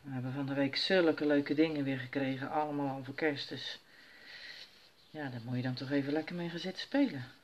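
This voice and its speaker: A woman's voice: rumbling low, steady tone, brisk, highs cut off. A woman at home giving a casual crafting tutorial, chatting herself through each step as she works. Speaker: crafter demonstrating stamping. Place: at home while her children sleep.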